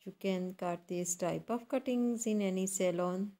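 A woman reading a scripted voice-over as a channel host, in halting, deliberate phrases. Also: medium pitch, mellow. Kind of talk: scripted voice-over narration for a slideshow.

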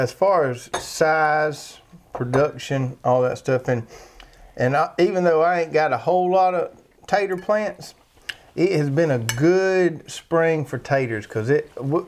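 A man's voice: fairly high pitch, normal speed. A man with a Southern American accent, talking in an easygoing, rambling country way about the garden. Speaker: garden show co-host. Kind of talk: casual chat.

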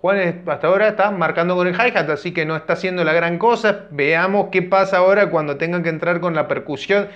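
Chatty high-voiced man. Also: fast, few pauses, dull audio. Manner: chatty, thinks aloud with fillers and restarts. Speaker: reaction video host. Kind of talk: casual commentary over a concert clip. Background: music from the video.

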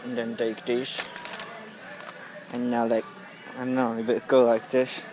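A young man from Estonia vlogging as he walks through a grocery store, rambling and excitable, recorded on a handheld camera. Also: medium pitch, measured pace, slight background noise, rough recording. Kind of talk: casual vlog narration. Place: large indoor grocery store.

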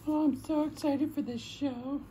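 A woman with a high voice plays along in casual pretend play. She sounds playful and informal, and the handheld home recording is clearly noisy. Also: steady tone, moderate pace, warm tone. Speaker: play partner voicing a toy pet. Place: indoors at home.

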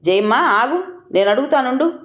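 A woman's voice: high-pitched, animated, moderate pace, fairly bright tone, voice pushed up. A woman voicing a firm middle-aged woman doctor who explains plainly and sternly.

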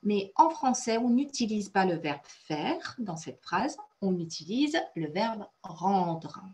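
Russian-native woman teacher, unhurried, cheerful praise for students. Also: medium pitch, big pitch swings, a little mellow. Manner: encouraging, praises students often; explains and translates phrases step by step. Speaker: French teacher. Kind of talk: online conversation class.

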